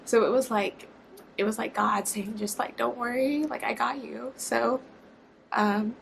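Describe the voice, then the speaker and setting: A woman's voice: on the high side, steady tone, a little slow, creaky, slight background noise, low-quality recording. A young woman from Georgia, chatty and near tears as she tells a personal story for her vlog. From Georgia, USA. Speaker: vlogger.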